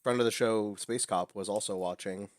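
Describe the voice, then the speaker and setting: A man's voice: on the low side, fairly even intonation, normal speed, no room sound, studio quality. A man co-hosting a casual podcast, joking and laid-back. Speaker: podcast co-host.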